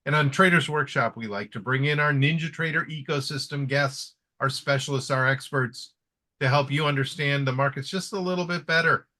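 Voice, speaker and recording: A man's voice: mid-range voice, brisk, sharp tone. A man hosting a live trading webinar, talking in a friendly casual way with many fillers and restarts. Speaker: webinar host.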